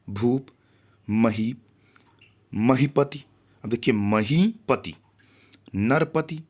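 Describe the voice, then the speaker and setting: Man, teacher, grammar lesson, deliberate word-by-word listing, lowish voice. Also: fairly bright tone. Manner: slow, deliberate listing with frequent pauses and repetitions. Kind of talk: exam-prep grammar lesson, reading word lists.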